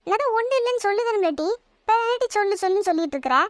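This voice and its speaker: A woman's voice: very high-pitched, lively intonation, very fast, no room sound, studio quality, voice pushed up. A woman voicing a snappish older sister. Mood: irritated. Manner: snappish, scolding. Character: irritable, heartbroken college-age older sister. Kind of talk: cartoon voice acting.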